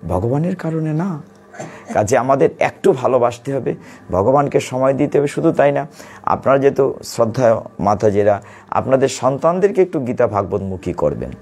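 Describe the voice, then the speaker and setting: A man giving a devotional sermon to a home gathering, reciting verses slowly and then explaining them. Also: mid-range voice, a little mellow. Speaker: Gita preacher.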